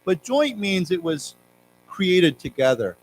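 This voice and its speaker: A man teaching an English class, who reads news passages aloud slowly, then explains the words and spells them out letter by letter. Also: high voice, sing-song, slight background noise, low-quality recording. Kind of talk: classroom lecture on news vocabulary. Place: library lecture room.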